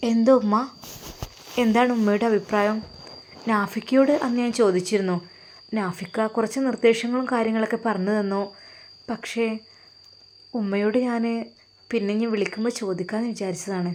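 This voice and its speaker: A woman voicing a gentle, devout young woman who speaks affectionately and softly to her mother-in-law. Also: medium pitch, steady tone, moderate pace, pauses often, a little hiss or hum, lightly acted. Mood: tender.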